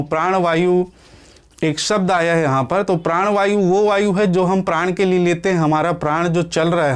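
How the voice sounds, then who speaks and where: High-voiced man teaching a lesson. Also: clean tone. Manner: explains step by step, keeps asking the class questions and answering them; sounds out letters slowly to demonstrate. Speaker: exam coaching teacher. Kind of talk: classroom lecture.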